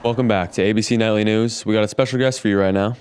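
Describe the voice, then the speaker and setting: A man playing an earnest, brisk TV news anchor reading a scripted report. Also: on the low side, steady tone, a little mellow, clear, resonant tone, lightly acted. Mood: brisk, presenting.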